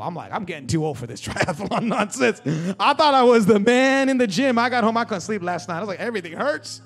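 A man in his forties, a pastor preaching a sermon in a repeating, rising cadence that climbs toward shouting. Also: high-pitched. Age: 40s. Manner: builds to near-shouting, repetitive preaching cadence.

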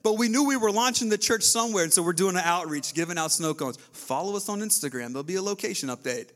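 A male pastor delivers an energetic sermon that sounds like conversation. His voice sits high and carries a lively, casual drive. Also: fast.

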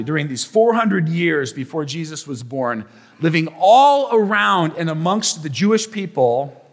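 A man preaches from the pulpit with a high, lively voice that rises and falls as he teaches. He tells stories and drops playful asides to the congregation. The recording carries the long reverb of a church sanctuary. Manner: animated storytelling with playful asides. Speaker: pastor. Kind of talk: sermon.

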